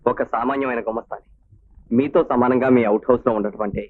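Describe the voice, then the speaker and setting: An actor playing a humble young office clerk who speaks politely and deferentially in a 1970s film. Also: male voice, medium pitch, steady tone, quick pace, a little hiss or hum, close to an everyday voice. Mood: earnest. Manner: polite, deferential, keeps saying sir. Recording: tinny lo-fi old film soundtrack with faint music.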